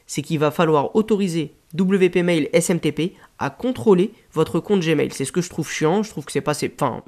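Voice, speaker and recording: Man, French accent, screen tutorial, casual, hesitant fillers, higher pitch. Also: a little mellow. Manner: casual, rambling explanations with frequent fillers. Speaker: WordPress tutorial host.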